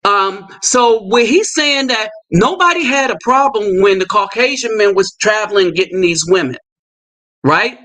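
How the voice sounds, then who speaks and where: A man hosting a live stream, talking casually in quick bursts with asides and fillers. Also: high-pitched, expressive, bright, forceful tone. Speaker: livestream host.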